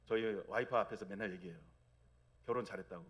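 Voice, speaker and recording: A man in his thirties preaching a Sunday sermon in a conversational way, often asking the congregation for agreement and acting out God's words in a soft, low voice. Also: fast, slight background noise. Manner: acts out God's gentle speech in a soft low voice. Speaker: pastor. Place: church sanctuary.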